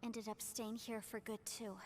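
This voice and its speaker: A woman voicing Paimon, a small excitable fairy-like companion girl who talks in a whiny, high-strung way in a video game. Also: unhurried, very noisy, lightly acted. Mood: worried. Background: game music.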